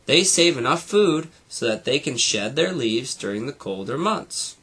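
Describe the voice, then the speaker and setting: A man's voice: mid-range voice, sing-song, measured pace, a bit bright, slightly rough, exaggerated voice. A man voicing a cheerful, kindly cartoon mouse uncle with an upbeat, reassuring manner, from a storybook. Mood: kindly explaining.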